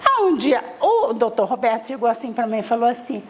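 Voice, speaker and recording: A woman's voice: fairly high pitch, big pitch swings, brisk, slight background noise. A middle-aged woman from Bahia telling her life story in an interview, chatty, with many tag questions and restarts. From Salvador, Bahia, Brazil. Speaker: interviewee, mother.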